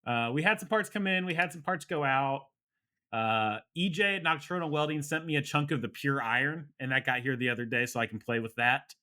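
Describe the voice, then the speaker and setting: A man's voice: medium pitch, fairly quick, bright, forceful tone. A man co-hosting a podcast in casual chat, laid-back, laughing often and trailing off with fillers. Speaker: podcast co-host.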